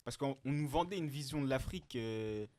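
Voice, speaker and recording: A man's voice: medium pitch, expressive, brisk, darkish tone, dry recording. A man hosting a casual podcast chat, sharing his views and asking his friends thoughtful questions. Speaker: podcast host.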